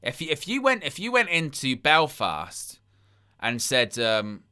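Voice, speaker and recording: On the high side with huge swings in pitch, this livestream host keeps a measured pace in a smooth, pushed, bright voice. Watching wrestling live, he rambles through incredulous asides and reads chat comments aloud in between plugs for likes.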